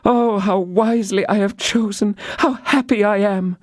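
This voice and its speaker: A woman's voice: mid-range voice, steady tone, a little slow, darkish tone, no echo, clean studio sound, pitched above the performer's own voice, close to an everyday voice. A man voicing Constance, a frail, frightened young woman who is dying, in an audiobook reading. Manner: breathless, pleading.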